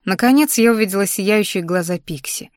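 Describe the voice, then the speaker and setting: A woman narrating a first-person fantasy audiobook with an expressive, emotional delivery. Her voice sits at a middling pitch. The recording is dry and close. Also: brisk, no room sound.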